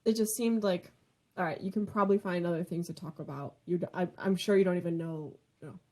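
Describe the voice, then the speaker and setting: A woman's voice: fairly low pitch, fairly even intonation, quick pace, a little mellow. A woman co-hosting a casual podcast, rambling through a story and quoting what she said. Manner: rambling, many fillers, quotes herself. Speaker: podcast co-host. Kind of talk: casual chat recapping a reality show.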